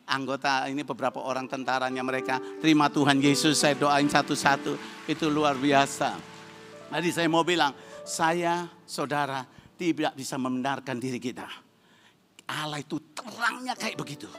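A male pastor, telling stories in a dramatic sermon with sudden shouting bursts. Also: a little high. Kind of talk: sermon with storytelling. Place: church service.

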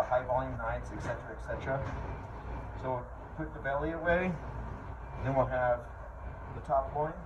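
A man working as a chef, giving a relaxed cooking tutorial in a commercial kitchen, with plenty of fillers. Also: medium pitch. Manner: relaxed, casual, full of fillers. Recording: distant mic with kitchen noise.

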